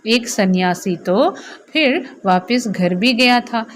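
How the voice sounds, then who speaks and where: A woman's voice: on the high side, animated, slow, slight background noise. A woman reading a spiritual discourse aloud as a teacher, repeating each passage and then explaining it.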